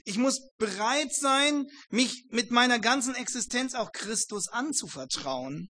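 High-voiced man preaching earnestly. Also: lively intonation, a little slow, pushed and bright, no echo. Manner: earnest, addresses listeners formally, builds emphatic repetitions. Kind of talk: Bible exposition sermon.

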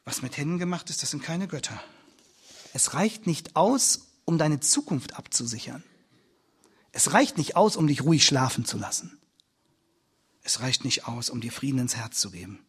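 A man's voice: mid-range voice, lively intonation, normal speed, slightly rough. A man preaching a sermon as a pastor, emphatic and building his points through repeated phrases.

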